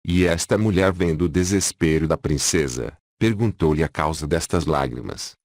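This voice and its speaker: Male audiobook narrator, very deep and dry, measured and solemn. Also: darkish tone, no room sound. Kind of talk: scripted narration.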